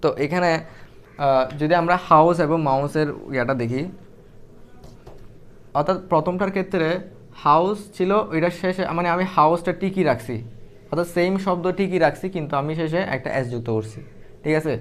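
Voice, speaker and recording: A man's voice: on the high side, moderate pace, long pauses, clear, resonant tone. A young man teaching Arabic grammar in a casual, explanatory way, thinking aloud with fillers and restarts as he writes.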